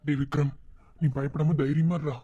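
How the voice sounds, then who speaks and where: Man voicing a gentle, reassuring family man. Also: on the high side, flat delivery, fairly quick, muffled recording, very noisy, close to an everyday voice. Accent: Madurai Tamil. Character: steady older-brother uncle figure comforting family.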